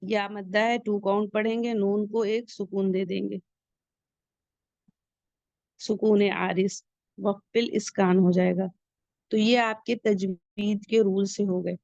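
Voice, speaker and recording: A woman's voice: medium pitch, level tone, takes it slowly, creaky, pauses often, darkish tone, dry recording. A woman teaching recitation rules, explaining each point patiently and repeating the important ones. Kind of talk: step-by-step recitation lesson. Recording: dull lo-fi sound.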